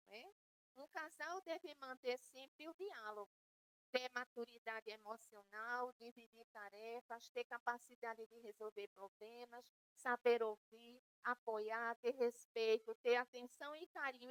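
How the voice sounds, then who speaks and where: A woman's voice: fairly high pitch, dry recording, poor audio. A woman giving a spiritual lecture to an audience, conversational and full of "né?" tag questions. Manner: addresses listeners directly. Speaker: spiritist medium giving a talk.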